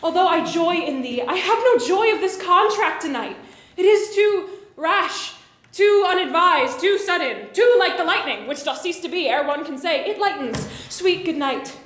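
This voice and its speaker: A woman's voice: extremely high pitch, animated, normal speed, a bit bright, roomy sound. A woman playing a lovestruck, playful, eager young maiden in theatrical Shakespearean verse. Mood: urgent, adoring. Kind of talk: theatrical Shakespearean stage acting.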